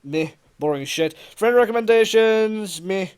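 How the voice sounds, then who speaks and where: A man's voice: high voice, expressive, moderate pace, clear, resonant tone. A man hosting a casual gaming podcast, sarcastic and laughing often as he runs through the topics. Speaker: podcast host.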